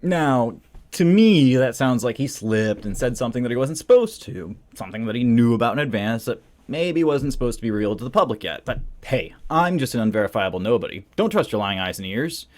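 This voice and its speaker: A man's voice: medium pitch, lively intonation, brisk. A man hosting a political commentary show, delivering a scripted monologue with sarcastic, mocking asides.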